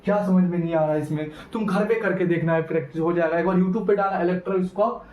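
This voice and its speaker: A man teaching a physics class, and his voice sits a little high. He repeats himself and keeps checking whether the students follow. The sound is muffled and echoes around the classroom. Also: steady tone, quick pace. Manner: repetitive, asks students questions. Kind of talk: classroom lecture with demo. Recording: echoey room, muffled lo-fi, faint noise.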